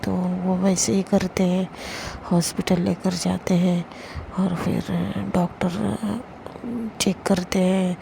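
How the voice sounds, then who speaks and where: A woman's voice: lowish voice, flat delivery, slow, gravelly, background noise. A woman narrating a love story in a casual, conversational way, quoting the characters' lines in her own voice. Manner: retells dialogue plainly without voicing characters.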